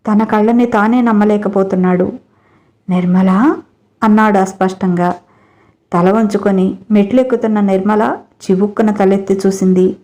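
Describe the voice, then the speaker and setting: A woman narrating a family story as a scripted audiobook, telling it in a gentle, expressive way. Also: medium pitch.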